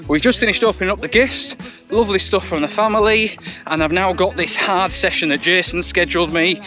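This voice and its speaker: Bright-voiced British man talking while running. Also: fairly high pitch. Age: young adult. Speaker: trail running vlogger. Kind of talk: vlog talking to camera. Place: outdoors on a rural roadside path.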